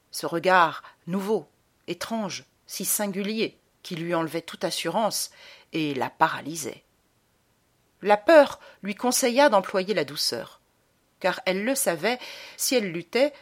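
A woman narrating a literary audiobook with dramatic, expressive reading and slowed emphasis. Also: lowish voice.

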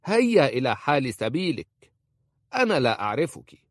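A man's voice: medium pitch, very animated, moderate pace, no room sound, clean studio sound, voice pushed up. Man voicing a harsh, scornful old woman. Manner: sharp-tongued, scolding.

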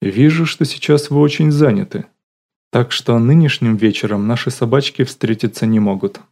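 A man voicing a sly young con man who teases dryly and talks smoothly, in an audiobook. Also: medium pitch, normal speed, darkish tone. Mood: dry teasing. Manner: dry, teasing, smooth-talking.

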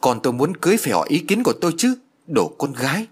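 A stern, strong-willed old village mother, as a male reader puts her on. She speaks firmly, in a husky voice that rises and falls a lot. An audiobook character voice. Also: on the high side, sing-song, rapid-fire, pitched above the performer's own voice.

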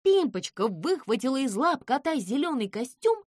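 A woman narrating a children's fairy tale in an expressive storytelling way, close to the mic. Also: sits high, normal speed, no echo. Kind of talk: audiobook fairy-tale reading.

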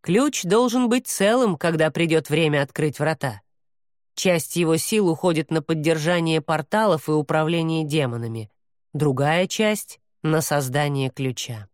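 A woman's voice: normal speed, no room sound, clean studio sound, natural voice. A woman voicing a growling scornful demon. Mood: matter-of-fact. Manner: low, growling and contemptuous. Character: proud scornful male demon, menacing, growling.

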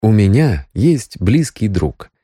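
A man voicing a weary grown man with a dry, wry humor, speaking low. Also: very animated, takes it slowly, mellow, breathy edge, no room sound, exaggerated voice. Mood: gentle.

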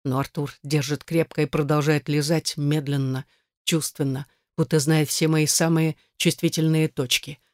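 A man reading a first-person erotic novel aloud in a steady, intimate narration. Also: a little high, moderate pace, no room sound, clean studio sound. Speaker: audiobook reader.

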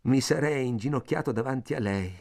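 A man narrating a novel in the first person, measured and intense, as an audiobook reader. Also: mid-range voice, a little mellow. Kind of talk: scripted literary narration.

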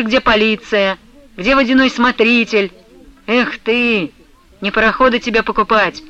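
A woman voicing an insolent old steamboat captain who speaks in a low, unhurried, mocking way, on a slightly dull recording. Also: pushed and bright.

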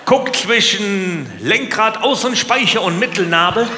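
At a large indoor comedy venue, a man performs a stand-up routine full of rants, feigning exaggerated indignation and hurling rhetorical questions at the crowd. His voice sits high and he takes his time, while the echoey hall is filled with a noisy live audience.

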